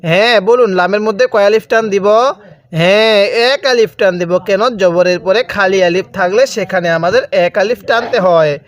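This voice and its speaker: A man teaching Quran recitation step by step, spelling out letters and then reciting the words slowly and drawn out, and putting questions to the viewer that he answers himself. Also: high voice.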